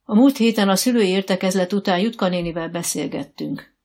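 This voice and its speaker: A woman voicing an earnest father who explains himself in a measured way. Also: mid-range voice, darkish tone, lightly acted. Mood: explaining.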